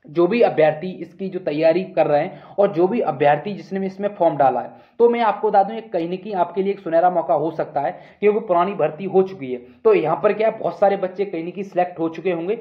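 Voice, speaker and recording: The exam news video presenter has a high voice and a quick pace, barely pausing as he gives candidates an informal explainer. He repeats himself and checks in often, and the recording sounds muffled with a roomy echo.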